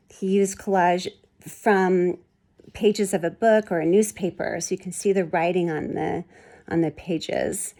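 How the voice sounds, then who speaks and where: In a mellow, fairly low voice, a woman gives an expressive read-aloud of a children's book. Between passages she talks about the pictures in a teacherly, explanatory way.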